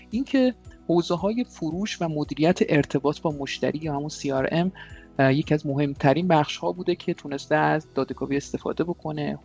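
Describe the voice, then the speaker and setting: Gravelly man explaining in formal tones. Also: a little high, darkish tone. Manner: polite, formal, with frequent hesitations. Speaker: guest expert on data mining. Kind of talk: formal explanatory podcast talk. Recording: dull lo-fi sound with faint music.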